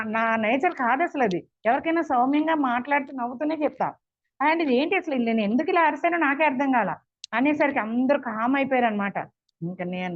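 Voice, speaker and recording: Telugu-accented woman guest, earnest storyteller, a bit high-pitched, dull recording. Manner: earnest, animated retelling with quoted dialogue. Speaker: meditation teacher and interview guest. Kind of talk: emotional personal storytelling. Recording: dull lo-fi audio.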